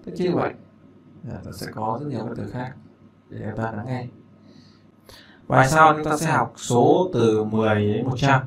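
A male English teacher walks through a listening exercise, repeating each phrase slowly before glossing it, with chatty, joking asides. His mid-pitched voice carries a gravelly edge. There is faint background noise. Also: fairly bright tone. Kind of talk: language lesson explaining a listening exercise.

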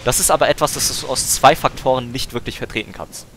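A man's voice: medium pitch, fast talker, a bit bright, slight background noise. A young man streaming a game, chatting casually and arguing his point in slangy talk, pushing on through interruptions. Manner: argumentative, slangy, talks over interruptions. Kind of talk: casual chat while gaming.

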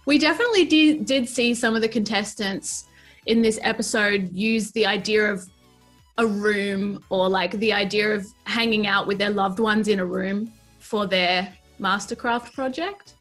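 On a colourful craft studio set, a New Zealand woman in her thirties chats casually about crafts as an eager guest. Her mid-range voice is a touch bright and comes in quick, gushing bursts, with soft music underneath.

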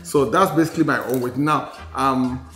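Speaking a little fast with a somewhat bright tone, this podcast co-host is a man in his forties with a Nigerian accent and a mid-range voice. He reflects openly on his own memories, repeating phrases to drive points home, while the room echoes and soft music plays underneath.

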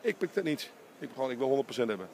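Slight background noise accompanies a middle-aged basketball coach's mid-range voice as he talks animatedly in quick, emphatic bursts. The post-game interview takes place in an empty arena, with a handheld mic held close.

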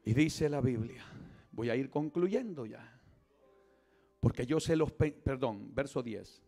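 A man's voice: medium pitch, expressive, slow pace, creaky, dark tone, faint music behind. A man preaching an impassioned Pentecostal sermon as pastor at a church service, calling out to the congregation.

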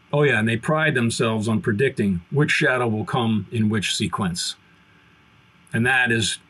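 A man in his fifties, a philosophy professor on a video call from a room at home, retelling a classic story with lively hand gestures. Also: medium pitch, husky, poor audio. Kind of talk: explaining on a podcast. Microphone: webcam video call.

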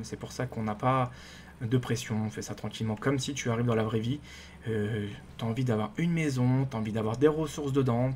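Rambling excitable gaming commentator. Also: male voice, mid-range voice, a little hiss or hum. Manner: rambling, excitable, many fillers and restarts. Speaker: gaming YouTuber. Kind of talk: casual gameplay commentary.

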